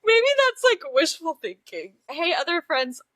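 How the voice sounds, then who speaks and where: A woman's voice: very high-pitched, wildly swooping pitch, measured pace, fairly bright tone, dry recording. A young woman co-hosting a podcast in casual chat, laughing a lot and using filler words. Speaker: podcast co-host.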